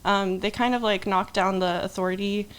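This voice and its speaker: A young woman from Indonesia chats as a podcast guest, wandering through her sentences with plenty of "um" and "like". Her voice sits at an ordinary middle pitch. She laughs often as she talks. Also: fairly even intonation, normal speed, clean tone. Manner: rambling, many "um" and "like", laughs often. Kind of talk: casual interview chat.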